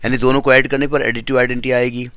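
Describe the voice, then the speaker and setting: A man's voice: mid-range voice, flat delivery, fast, fairly bright tone, clean tone, dry recording. A man teaching a maths lecture, explaining step by step and repeating key terms. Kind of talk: classroom lecture.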